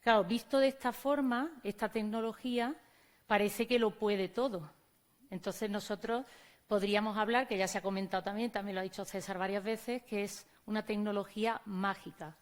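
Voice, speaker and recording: Speaking on stage at a conference venue, a woman teacher from Córdoba, Spain, delivers her presentation in an Andalusian Spanish accent. Her voice is medium-pitched and steady, at a moderate pace, and she talks conversationally, addressing the audience directly.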